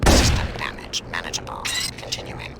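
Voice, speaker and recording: An actor voicing a damaged security robot in a video game, with a creaky robotic filter and clipped, mechanical status reports. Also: male voice, normal speed, over loud music. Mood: malfunctioning. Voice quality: gravelly, grinding low voice. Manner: clipped status reports in short flat phrases. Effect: creaky robotic voice filter, sounding broken.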